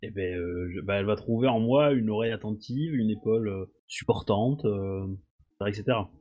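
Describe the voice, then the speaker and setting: A man's voice: fairly low pitch, moderate pace, darkish tone. A man playing in a tabletop game, chatty and hesitant, with many filler sounds. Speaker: player. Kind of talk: casual tabletop game chat.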